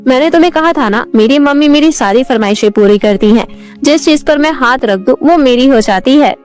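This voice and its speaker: Woman doing a shrill spoiled young woman. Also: expressive, brisk, darkish tone, soft background music. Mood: haughty. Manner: shrill and haughty. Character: arrogant spoiled young woman, later remorseful.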